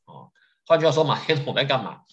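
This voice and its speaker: A man's voice: mid-range voice, big pitch swings, fairly bright tone, highs cut off. A man, hosting a podcast and chattily retelling a folktale. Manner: chatty, loads sentences with drawn-out particles. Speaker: podcast host.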